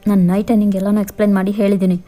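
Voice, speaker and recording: Woman doing a bored bossy young husband, brushes everyone off, mellow low-key voice over faint music, fanfic audio story. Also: flat delivery, rapid-fire, close to an everyday voice. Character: cold, dismissive young husband.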